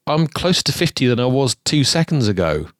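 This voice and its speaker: Casually chatting as a podcast co-host, this forty-something man rambles, hesitates with plenty of ums, and cracks dry jokes. He sounds very animated and brisk in a mid-range voice, recorded with no room sound.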